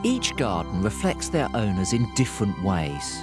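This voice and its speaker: A man narrates a documentary from a script, measured and explanatory. His intonation rises and falls very widely. Clear music plays under the voice-over. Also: fairly low pitch, huge pitch swings.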